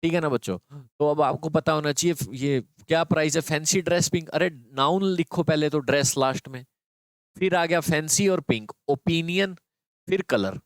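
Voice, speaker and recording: A man's voice: on the high side, normal speed, no room sound. A man teaching an exam-prep English grammar lesson, explaining step by step and repeating key phrases to his students.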